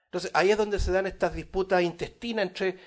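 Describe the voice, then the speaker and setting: A man with a high-pitched voice delivers a teaching sermon, calling his listeners brothers. He swells loudly when reading scripture and sinks low and quiet for his side remarks. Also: fairly even intonation, brisk. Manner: teaching Bible study, addressing listeners as brothers; rises in volume on scripture, drops low on asides. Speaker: pastor.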